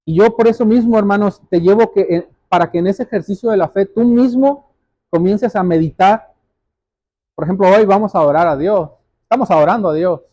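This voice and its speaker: Speaking fairly quickly, a pastor delivers his sermon with a high, mellow voice, exhorting listeners head-on and repeating key phrases to drive them home. There's no echo, and very little sense of the room around him.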